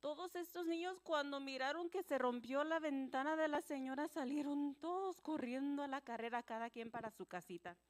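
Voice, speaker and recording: Woman, church children's story, animated, gentle, simple words, fairly high voice. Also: moderate pace, few pauses.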